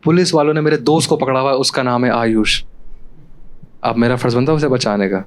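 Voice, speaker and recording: A man's voice: medium pitch, fairly quick. A young man performing stand-up comedy, telling a story in a casual, conversational way straight to the audience. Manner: conversational, addresses audience directly. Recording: clear background noise.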